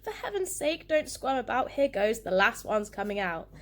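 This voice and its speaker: A woman's voice: on the high side, sing-song, normal speed, fairly bright tone. Cheery, theatrical dentist man, read by a woman teacher, storybook villain. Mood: gleeful. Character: gleeful pompous male dentist.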